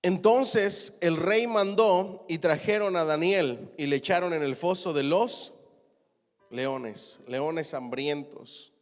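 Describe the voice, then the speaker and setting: Slow, fervent man preaching in a hall. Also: faint music behind. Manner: builds to loud emphatic declarations, then drops low; calls the congregation to repeat phrases. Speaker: pastor teaching a Bible class. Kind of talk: sermon. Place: church. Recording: long church hall reverb.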